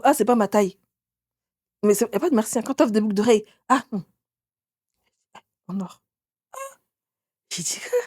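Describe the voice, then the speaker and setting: Animated woman telling her story. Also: no echo, studio quality. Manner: animated, acts out others' words with sudden pitch jumps. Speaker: author and interview guest. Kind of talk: personal storytelling in an interview.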